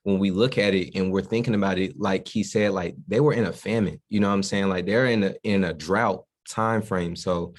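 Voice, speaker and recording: A young man leading a casual faith-group talk, laid-back and friendly with lots of slang. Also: on the low side. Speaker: group discussion leader.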